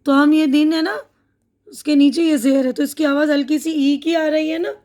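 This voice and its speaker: A woman teacher giving a slow, patient reading lesson to young children, sounding out syllables and repeating them. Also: high voice, steady tone, darkish tone. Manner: explains slowly, reads syllables aloud and repeats them.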